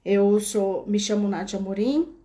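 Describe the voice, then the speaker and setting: A woman's voice: mid-range voice, unhurried, warm tone. A young woman from São Paulo with a Brazilian accent, hosting a casual livestream and telling her story with many restarts and filler tags. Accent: São Paulo Brazilian Portuguese. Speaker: live-stream host. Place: home in Spain. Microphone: webcam or phone camera.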